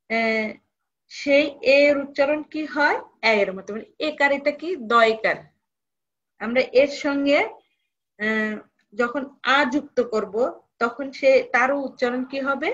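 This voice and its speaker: A woman's voice: sits high, fairly bright tone, muffled recording. A woman college lecturer giving a recorded lesson, repeating each rule and asking students questions.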